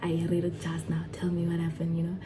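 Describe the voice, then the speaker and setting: A woman in her twenties talking casually to camera as a vlogger, chatty and excited, with many fillers and restarts. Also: fairly low pitch, a little fast, noisy background. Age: 20s. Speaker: vlogger and foundation founder.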